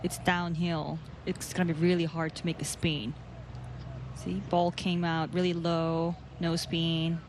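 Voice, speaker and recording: A woman's voice: lowish voice, flat delivery, measured pace. A woman giving casual golf commentary and analysis during a live tournament broadcast. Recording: clear outdoor background noise.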